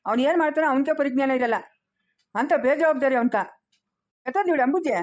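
Woman acting stern village elder, sharp scolding, rural Chikkaballapur Kannada accent, high quick voice. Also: natural voice. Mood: lecturing. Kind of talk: village family skit.

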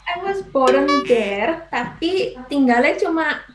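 A woman's voice: sits high, lively intonation, slow pace, very noisy. A young woman in her twenties, a guest on a casual video call, bashful and giggly, mixing languages as she talks. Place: home room with bookshelves, indoors. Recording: echoey room.

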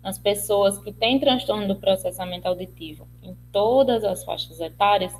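A woman's voice: medium pitch, normal speed, slight background noise, low-quality recording. A Brazilian woman with a Brazilian Portuguese accent giving a webinar lecture, explaining step by step with fillers and restarts. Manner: explanatory, with many fillers and restarts, acting out example phrases. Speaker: speech therapist lecturer.

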